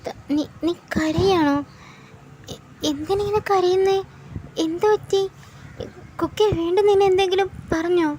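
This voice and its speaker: A caring, worried mother who keeps pressing her daughter with anxious questions. Her voice sits high and mellow, as a woman storyteller puts her on, in a storybook audio tale. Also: fairly even intonation, measured pace, long pauses, slight background noise.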